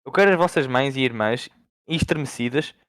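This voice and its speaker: A teenage boy from Portugal reading a long poem aloud for school in a steady, measured way. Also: medium pitch, dry recording.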